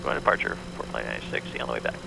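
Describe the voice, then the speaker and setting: A man working as co-pilot, making brisk clipped callouts and radio calls over a cockpit headset intercom in a small jet. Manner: brisk clipped aviation phrasing. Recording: engine noise in cockpit.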